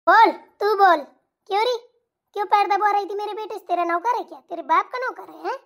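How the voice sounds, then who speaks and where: Woman doing a shrill scolding old mother-in-law. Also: brisk, fairly bright tone. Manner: nagging, insulting, tag questions. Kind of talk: cartoon voice acting.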